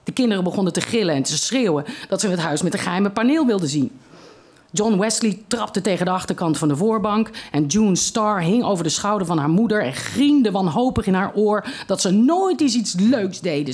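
A reader telling a short story aloud at a literary evening in a steady, measured way. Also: mid-range voice.

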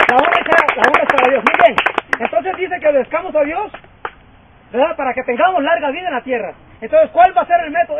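A man's voice: extremely high pitch, husky. A man in his fifties preaching a fervent sermon and calling out for amens. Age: 50s. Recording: tinny phone-like sound.

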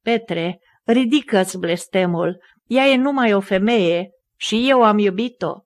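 A woman's voice: medium pitch, dry recording, studio quality, lightly acted. A woman reading the groaning, pleading lines of a shaken man, a former rebel.

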